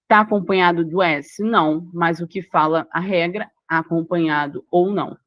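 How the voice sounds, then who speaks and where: A woman's voice: fairly low pitch, normal speed, a bit bright, dry recording. A woman with a Brazilian Portuguese accent teaching a grammar lesson for exam prep, explaining rules step by step, repeating key words and checking whether the listener follows.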